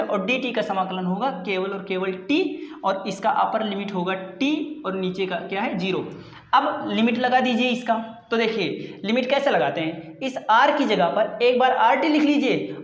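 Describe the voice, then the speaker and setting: A chemistry teacher working through a derivation on the board, step by step, asking questions and answering them himself. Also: male voice, sits high, a bit bright. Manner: step-by-step, asks and answers his own questions. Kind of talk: blackboard lesson. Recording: echoey, dull room sound.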